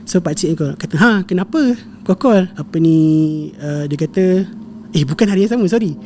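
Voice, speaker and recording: There is a faint hiss or hum as a young man, his voice a little high and dark in tone, briskly shares a family story on a podcast. The casual telling wanders, packed with fillers, self-corrections, and mixed-in English words.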